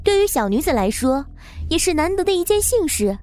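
A woman's voice: high-pitched, expressive, a little slow, a little mellow. A woman doing a coy young courtesan. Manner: coy, laughing, self-assured. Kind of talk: storytelling with voiced characters. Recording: faint background music.

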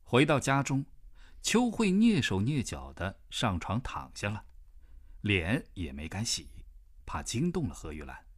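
A man narrating a novel as an audiobook reader, in measured storytelling. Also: lowish voice, wildly swooping pitch, husky. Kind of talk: scripted narration.

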